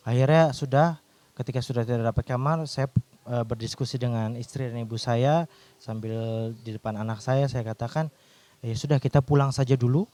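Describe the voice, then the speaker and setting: A man's voice: mid-range voice, fairly even intonation, fairly quick, warm tone. A man, a doctor, telling a personal faith testimony in an earnest storytelling way, with restarts.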